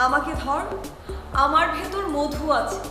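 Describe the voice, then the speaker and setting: A feisty, theatrical young neighbor. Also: female voice, high voice, unhurried. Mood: theatrical rehearsal. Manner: melodramatic chanting of rehearsed lines, sharp retorts. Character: young woman rehearsing folk play lines, feisty neighbor. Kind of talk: comedy drama acting. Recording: echoey room with music behind.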